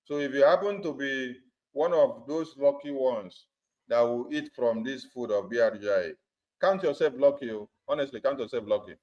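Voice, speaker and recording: A man addresses a group over a conference call. His voice has an ordinary middle pitch and comes through a dull, muffled call line. He talks emphatically and drives his points home by repeating them. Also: normal speed. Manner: emphatic and repetitive, hammering points. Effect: conference call audio. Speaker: activist speaker addressing supporters. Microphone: phone or computer on a group call.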